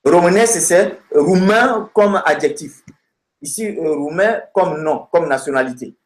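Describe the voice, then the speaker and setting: A male teacher gives a lesson in a slightly raised voice, speaking very slowly and carefully. He hesitates often, repeating words while he looks for the right page. The room gives his voice a noticeable echo. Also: on the high side. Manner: halting, many fillers and repeated words while searching pages; spells out word endings slowly, addressing the student as tu. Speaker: language teacher. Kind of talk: recorded lesson, talking through a textbook.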